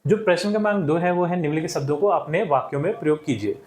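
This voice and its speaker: Male teacher, slightly high-pitched, steady and patient, talks to kids, roomy echo. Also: fast talker. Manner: patient, explains step by step, often addresses children. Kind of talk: classroom lesson explanation.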